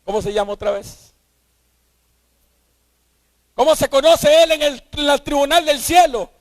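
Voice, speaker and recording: A man preaching a sermon, emphatic, rising to shouts and repeating his key points. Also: very high-pitched, lively intonation, measured pace, no echo.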